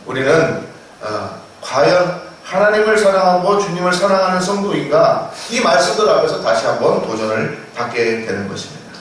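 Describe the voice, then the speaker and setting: A male pastor preaches a Sunday sermon, pressing his points with rising emphasis and repeated blessings for his listeners. His voice sits fairly high and rings through a very echoey sanctuary, recorded from a distance. A faint noise floor hums underneath. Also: animated, normal speed, fairly bright tone. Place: church sanctuary. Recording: echoey church hall, mic at a distance.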